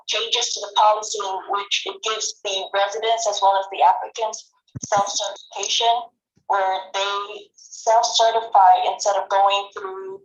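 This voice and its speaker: A woman heard over a phone speaker, presenting at a board meeting in a halting way with many filler pauses. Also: mid-range voice, a little hiss or hum. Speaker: housing policy presenter. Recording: muffled speakerphone in a roomy boardroom.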